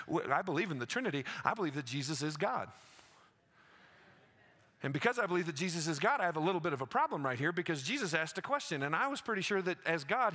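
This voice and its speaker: A man's voice: fairly high pitch, bright, forceful tone. A man preaching a sermon, telling a story with energy and acting out the voices of the people in it. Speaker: pastor.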